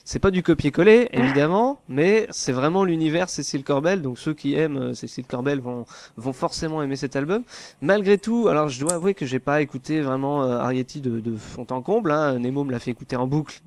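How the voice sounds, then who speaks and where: A man's voice: a little high, fairly quick, a little mellow. A man hosting a casual podcast interview, talking with many fillers and restarts. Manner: hesitant, lots of fillers and restarts. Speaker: podcast host.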